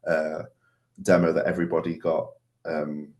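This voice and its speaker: Man, very low voice, podcast guest, relaxed, thinking aloud. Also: normal speed. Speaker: video content creator, podcast guest. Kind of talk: casual interview chat.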